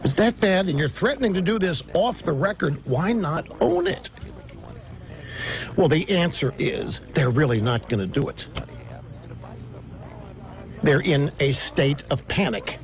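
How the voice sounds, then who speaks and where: A man hosting a political talk radio show, delivering an animated, mocking monologue. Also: a little high, unhurried, long pauses, slight background noise. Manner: animated, mocking, mimics others in exaggerated voices. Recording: dull lo-fi radio broadcast.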